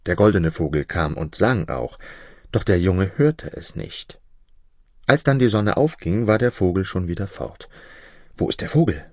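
Expressive low-voiced male storyteller. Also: a little slow, no room sound, studio quality. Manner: expressive, with many shifts in tone. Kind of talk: fairy tale read aloud.

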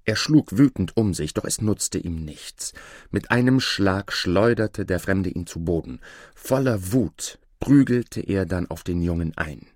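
Male storyteller, very deep voice, calm measured read of a fairy tale, dry close sound. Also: dry recording. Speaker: narrator. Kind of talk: reading a fairy tale aloud.

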